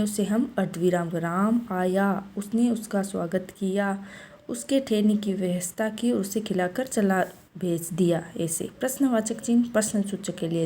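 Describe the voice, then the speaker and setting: A woman giving a classroom-style grammar lesson, explaining step by step and slowing down to read out example sentences. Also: medium pitch, dark tone. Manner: explains step by step, often saying "look". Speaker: teacher.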